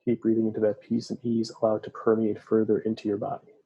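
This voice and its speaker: A man guiding a breathing meditation, giving slow, soft, soothing instructions. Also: on the low side, completely flat delivery, breathy edge, highs cut off. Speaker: meditation guide.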